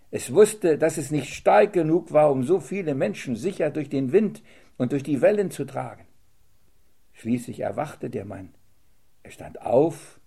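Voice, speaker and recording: A man reading a story aloud, calm and gently expressive, giving the quoted lines a soft voice. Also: medium pitch, vocal fry, husky. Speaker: narrator. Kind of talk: storybook narration.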